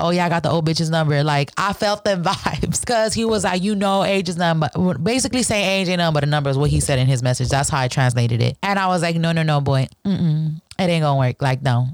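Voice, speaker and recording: A woman's voice: low-pitched, no echo, clean studio sound. A woman in her twenties hosting a podcast, telling stories in casual chat, laughing often, swearing freely and acting out quoted people. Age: 20s. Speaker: podcast host. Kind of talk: casual storytelling monologue.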